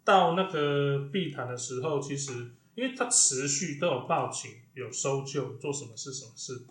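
A man, a diviner hosting a podcast, telling a story in an animated, casual way. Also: medium pitch, normal speed, reverberant. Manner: animated, lively retelling with quoted exclamations.

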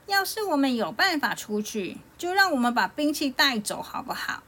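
A woman's voice: high voice, very animated, normal speed, voice pushed up, full character voice. A woman doing a cheeky clever little boy. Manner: bright, confident, teasing.

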